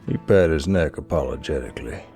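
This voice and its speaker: A man with a deep, low voice narrates a game in a measured, storytelling way, reading scripted second-person narration at a steady pace. Soft music plays faintly behind him.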